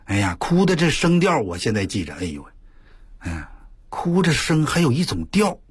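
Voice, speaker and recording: An older man on the radio telling a story in a folksy, animated way, full of exclamations and drawn-out emphasis. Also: mid-range voice, husky, no echo, clean studio sound. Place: radio studio.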